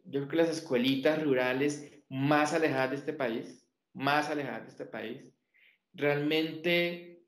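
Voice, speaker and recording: Colombian guy, neutral accent, chatty guest, lots of restarts, echoey room. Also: a little high. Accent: neutral Colombian Spanish. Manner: animated storyteller with many repeated words and restarts. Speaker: interview guest, teacher trainer. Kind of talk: casual interview chat.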